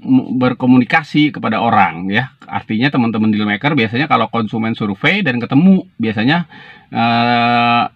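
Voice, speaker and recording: A man from Indonesia talks through a sales lesson for trainees, rambling and restarting with plenty of fillers. His voice sits at an ordinary middle pitch. The recording is slightly dull and dry, close to the mic. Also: dry recording. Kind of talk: casual spoken lesson to camera.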